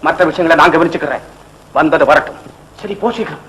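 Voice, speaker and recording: A man's voice: a little high, quick pace, fairly bright tone, natural voice, low-quality recording. Actor playing a firm, urgent young man. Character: loyal young man warning his friend to hide.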